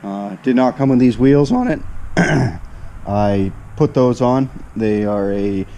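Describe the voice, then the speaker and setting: A man's voice: medium pitch, gravelly, a little hiss or hum. A man with a stuffy, nasal voice from a cold, casually talking a vlog audience through his car in a shop, with lots of fillers. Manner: relaxed, halting, with many fillers. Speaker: car channel host.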